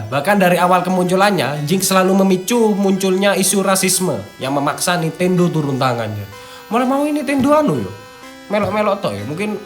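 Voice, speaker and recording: The voice is high-pitched and fairly bright: a young man with an East Javanese accent, hosting casually. He reads from a script in places and slips into informal slang in others, with music playing in the background.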